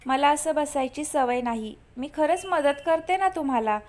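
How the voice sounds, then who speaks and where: A woman voicing a shy, eager young bride who speaks gently and politely. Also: high voice, moderate pace, close to an everyday voice. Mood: gentle.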